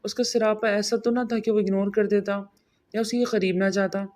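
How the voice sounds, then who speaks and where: A woman's voice: mid-range voice, steady tone, a little mellow. A woman narrating a romance novel as an audiobook reading.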